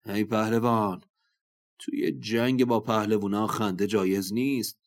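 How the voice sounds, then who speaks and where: A man voicing a boastful enemy champion warrior in a storytelling recording, shouting loud bragging challenges. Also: fairly low pitch, fairly even intonation, natural voice.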